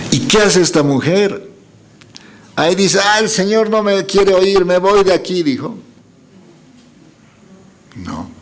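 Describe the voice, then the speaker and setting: Male preacher, mid-range voice, lively sermon delivery with questions to the congregation, faint background noise. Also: mid-range voice. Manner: asks the congregation questions and reads scripture aloud; lively, rising emphasis on quoted lines. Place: church gathering.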